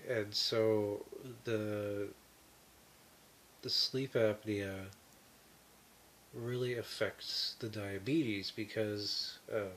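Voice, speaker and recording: A man talking from his bed through a breathing mask, his voice nasal and muffled, halting with many fillers. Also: on the low side, fairly even intonation, fairly bright tone, slight background noise. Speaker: vlogger. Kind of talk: casual talk to camera. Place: bedroom, lying in bed.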